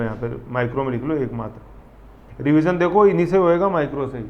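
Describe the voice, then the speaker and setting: A man teaching a history class, asking the students lots of quick questions and acting out small scenes to make his points. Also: on the high side, dull audio. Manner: lively, rhetorical questions, acts out scenes. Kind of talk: classroom lecture.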